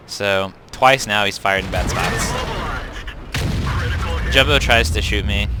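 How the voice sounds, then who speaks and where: Low-voiced man narrating tank gameplay. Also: noisy background. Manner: casual, chatty, self-correcting with ums. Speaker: game reviewer. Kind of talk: gameplay commentary over replays. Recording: tank game sounds loud behind voice.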